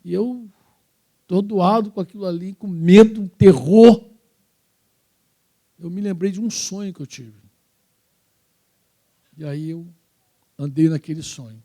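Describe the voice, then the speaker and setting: Brazilian pastor guy preaching at church, slangy and animated, high voice but kinda dark. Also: measured pace, long pauses. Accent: Brazilian Portuguese. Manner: animated storytelling, slangy and informal. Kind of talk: sermon.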